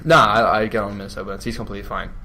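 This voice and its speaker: A man's voice: fairly low pitch, fairly even intonation, very fast, creaky, pushed and bright. A young man with an English accent, a gamer chatting casually, rambling and laughing as he talks. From England. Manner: chatty, drifts into mock voices and laughs. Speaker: YouTube gamer. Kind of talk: casual chat.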